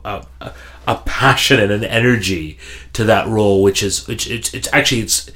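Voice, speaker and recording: A man hosting a podcast interview, asking long questions with many halting restarts and repeated words. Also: on the low side, bright, forceful tone. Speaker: podcast host. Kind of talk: conversational interview.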